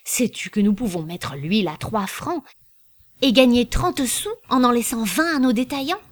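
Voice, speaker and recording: Brief: a woman reading a loud, boastful middle-aged shopkeeper, exclamatory, with a lively swooping voice. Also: a little high, moderate pace, voice pushed up. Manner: grandiose, exclamatory. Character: exuberant middle-aged male perfumer, boastful.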